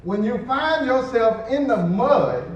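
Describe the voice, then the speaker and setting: A man's voice: extremely high pitch, lively intonation, takes it slowly, dull audio. A man preaching a sermon as pastor, conversational, acting out quotes and chuckling as he goes. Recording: echoey church hall from a distant mic.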